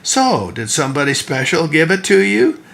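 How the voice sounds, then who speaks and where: A pious older church woman with a silly, teasing streak, as a man puts her on. The voice is pushed up in pitch and a bit louder, with a chuckling lilt, and faint hiss behind the storybook reading. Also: big pitch swings, slow, heavily acted. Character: friendly older church sister, pious but playful.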